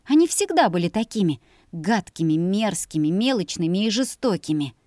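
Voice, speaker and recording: A woman narrating a first-person audiobook story in an expressive storytelling manner. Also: medium pitch, moderate pace, no room sound, studio quality.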